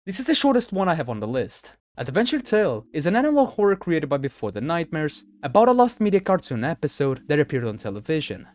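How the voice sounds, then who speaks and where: This man's voice sits on the high side with a darkish tone. He narrates a horror video countdown, reading a script that recaps and retells stories.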